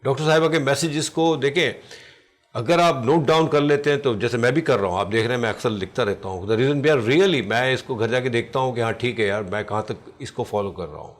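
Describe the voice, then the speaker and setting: A man with a Pakistani accent hosting a TV health talk show, chatting casually and earnestly advising viewers, mixing in English phrases. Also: medium pitch. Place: TV studio.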